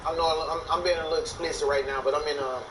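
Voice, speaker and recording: A man's voice: on the high side, steady tone, rapid-fire. A man streaming a game while giving a boastful, profane, rambling talk, speaking from Thailand. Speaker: gaming streamer. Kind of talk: casual rambling monologue while gaming. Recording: echoey, distant mic, noisy background.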